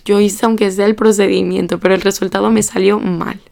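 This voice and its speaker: A young woman of about eighteen, hosting a podcast and telling a personal story in a rambling, animated, self-mocking way. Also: mid-range voice, fairly quick, creaky. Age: young adult, about 18. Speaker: podcast host.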